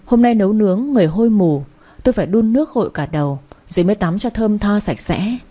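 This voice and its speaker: A woman narrating a romance story in the first person, reading at a steady, measured pace. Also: medium pitch.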